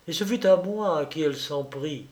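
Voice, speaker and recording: A man narrating a classic novel as an audiobook, his voice sitting a bit higher than most men's. He reads in a steady, measured way, shaping long old-fashioned sentences with care. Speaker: audiobook reader. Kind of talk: scripted literary narration.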